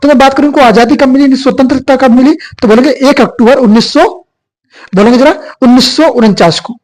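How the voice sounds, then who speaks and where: A man's voice: very high-pitched, quick pace, darkish tone, poor audio. A male teacher giving an exam coaching lecture, asking questions and answering them himself. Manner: repetitive call-and-response questioning.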